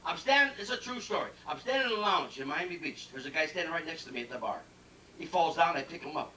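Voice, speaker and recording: A man doing a stand-up comedy routine in a ship's cabaret lounge, telling jokes in a brash, rapid-fire way and teasing the audience. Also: a little high, lively intonation, pushed and bright, slight background noise. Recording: echoey lounge recording from far off with band music.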